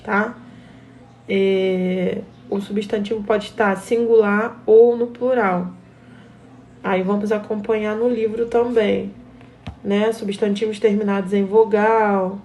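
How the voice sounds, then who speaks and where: A woman's voice: mid-range voice, darkish tone. A woman teacher with a Brazilian accent who gives a grammar lesson step by step and often checks in with the class. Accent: Brazilian Portuguese. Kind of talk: recorded grammar lesson for pupils.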